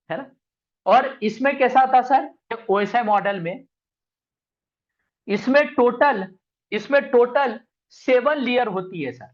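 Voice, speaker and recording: A middle-aged man teaching a networking class at a whiteboard. He repeats himself often and keeps asking his students "right?". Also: high voice. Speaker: networking instructor. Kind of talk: classroom lecture. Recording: slightly dull lo-fi recording.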